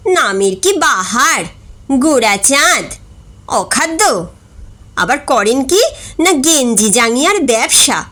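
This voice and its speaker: A woman reading a storybook voices a rude young bride-to-be who scolds and mocks in a sharp-tongued way. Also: a little high, exaggerated voice.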